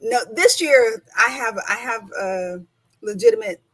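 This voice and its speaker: A woman hosting a casual livestream interview, chatting with lots of restarts and quick laughs, heard over a video call. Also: on the high side, big pitch swings, fairly bright tone, poor audio. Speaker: host.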